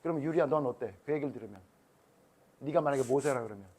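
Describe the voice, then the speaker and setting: A man's voice: medium pitch, quick pace, a little mellow, breathy edge. A man, a pastor, telling a Bible story in a children's sermon, acting out the voices and calling on children by name with questions.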